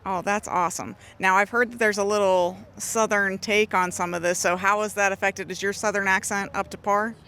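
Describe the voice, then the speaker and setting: A woman hosting a community TV interview outdoors at a theatre stage, asking upbeat, quick questions. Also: mid-range voice, steady tone, pushed and bright, slight background noise. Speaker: host.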